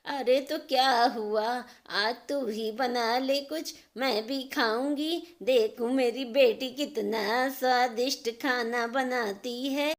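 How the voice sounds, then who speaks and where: A woman voicing a worried, firm middle-aged mother who talks slowly and scolds. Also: a little high. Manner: slow, scolding.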